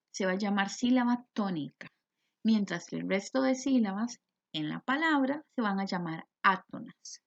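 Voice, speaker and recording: Costa rican lady teacher, raspy fry in her voice, asks herself questions then answers, kinda muffled lo-fi sound. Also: on the high side. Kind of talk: recorded grammar lesson. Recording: dull lo-fi recording.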